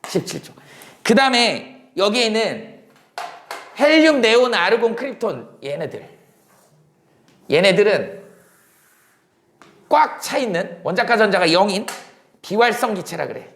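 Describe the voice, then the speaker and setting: Lively male science lecturer who quizzes the class and answers himself; echoey room. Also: high-pitched, measured pace, long pauses, slight background noise. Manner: explains in a casual speaking style, asks questions and then answers them himself. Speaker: science teacher.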